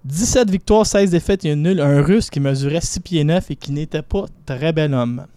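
Playful Quebec French man with a mellow voice. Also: a little high, moderate pace, smooth, no echo, studio quality. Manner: playful, chatty, stretches out names. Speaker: boxing segment contributor. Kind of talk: casual radio segment, counting down a list.

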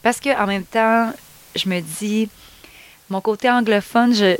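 A Québécois woman talks as a singer being interviewed, telling stories in an animated, easygoing way. She laughs often and fills her speech with little fillers. Her voice sits at an ordinary pitch for a woman. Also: a little slow. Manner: animated storytelling, laughs easily, lots of fillers. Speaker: singer guest. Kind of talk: casual interview chat.

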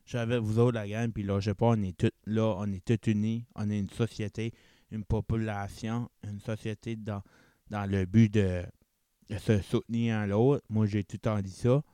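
Hosting a solo podcast in a casual style, this young Acadian from New Brunswick, Canada, speaks French with a Chiac accent, sprinkling in English words while rambling and correcting himself. He talks at normal speed with a fairly low, warm, clean voice and flat delivery, captured in studio quality without echo.

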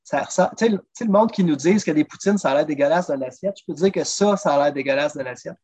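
A husky, slightly high-pitched man with a Québécois accent talks at a quick clip as a podcast guest, a drummer and food traveler eagerly walking through recipes. The casual interview chat is chatty and lively, and he keeps saying "listen" as he explains. The lo-fi recording sounds dull.

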